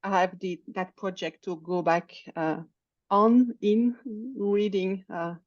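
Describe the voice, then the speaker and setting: During conversation practice in an online lesson, an English student whose native language is French talks haltingly, frequently searching for the right word. She speaks slowly at medium pitch in a steady tone. Heard over a video call, the sound is dull and echo-free.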